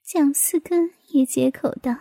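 Storybook narrator, woman, very high voice, hushed half-whisper, slow. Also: creaky, no echo.

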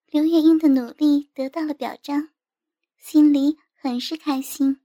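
A woman narrating a story in a steady, even reading voice. Her pitch is high, yet the tone stays mellow and soft-edged. The recording is dry and close to the mic, with no room sound. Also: measured pace, dry recording. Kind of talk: scripted narration.

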